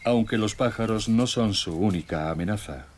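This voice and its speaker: Low-voiced man narrating a nature documentary. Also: moderate pace, a little mellow, a little hiss or hum. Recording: music bed with nature sounds. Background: music, birdsong and nature sounds.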